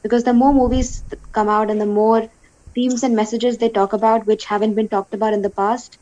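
Higher-voiced young woman, lo-fi sound. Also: little pitch movement, brisk, warm tone. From India. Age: young adult. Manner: articulate, repeats words when restarting. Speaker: podcast co-host. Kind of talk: casual discussion.

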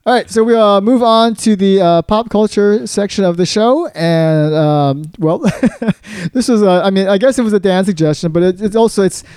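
A man's voice: sits high, normal speed, darkish tone, clean tone, no echo, studio quality. A man co-hosting a casual podcast chat, rambling with lots of fillers and frequent laughs. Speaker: podcast co-host.

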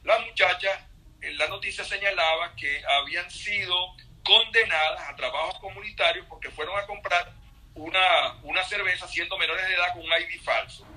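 A man speaking with a strikingly bright, forceful tone, his voice sitting somewhat high for a man. He tells stories with animation, slipping into the voices of the people he quotes. He joins the interview remotely, as over a call. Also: moderate pace, poor audio. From Venezuela. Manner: animated storyteller, acts out quotes. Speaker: interview guest. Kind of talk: conversational interview.

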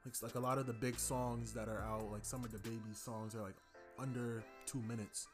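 A man's voice: mid-range voice, level tone, brisk, over music. A young man hosting a podcast, chatting loosely about an album, rambling with lots of fillers. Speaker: podcast host. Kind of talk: casual music review chat.

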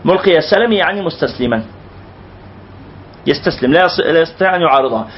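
A man's voice: a little high, expressive, fast, lo-fi sound. A man with an Egyptian accent teaching a lecture, explaining terms word by word and restating them again and again. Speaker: religious teacher. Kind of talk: lecture explaining a classical poem.

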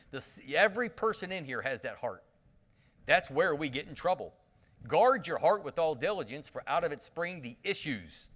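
Male pastor, fairly high voice; emphatic sermon delivery that moves from loud to hushed. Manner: emphatic preaching with call-and-response, swinging from loud to hushed.

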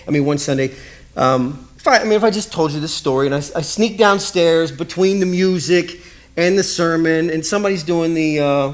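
A man preaching a sermon, telling a funny childhood story from the pulpit in an animated, playful way. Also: high-pitched. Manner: animated, comic storytelling with voices for kids. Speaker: pastor.

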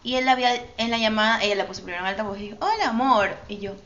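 A woman with a mid-range voice talks at a racing pace, telling a personal story in casual chat as a podcast co-host. She's animated and acts out the lines of the people in her story. The recording is slightly dull, with faint noise.

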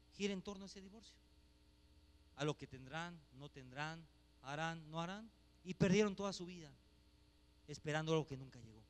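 A man preaching a sermon as pastor, swinging from hushed asides to shouted exhortation. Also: high voice.

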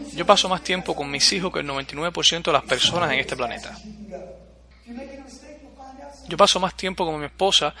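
A man delivers a forceful motivational talk in a room full of people, his voice sitting a little high. He is blunt and fires rhetorical questions at the listeners. The crowd is clearly heard behind him. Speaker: motivational speaker. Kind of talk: motivational speech to a live audience.

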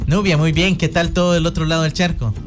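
A woman hosting an educational radio talk, often pausing to search for words. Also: low voice, steady tone, over music. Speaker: radio host.

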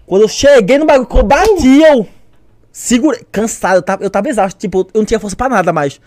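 A young man from tells a story at a rapid clip in a high voice, slipping into other people's voices. His is strong and his slang is loose. The recording is dry and close. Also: dry recording. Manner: animated, acts out voices, lots of slang. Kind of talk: casual storytelling.

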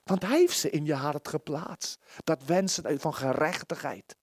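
A man preaching a sermon in an earnest, pleading way, often restarting his words and shifting between loud and soft. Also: fairly high pitch, a little slow, no room sound, studio quality. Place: church service, small room.

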